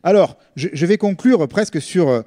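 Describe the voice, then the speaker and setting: A middle-aged man speaks with a Marseille accent in a fairly high, mellow voice. He lectures informally, explaining ideas in a conversational way and regularly checking that his listeners follow. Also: expressive, normal speed. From Marseille, France. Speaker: linguist giving a public talk.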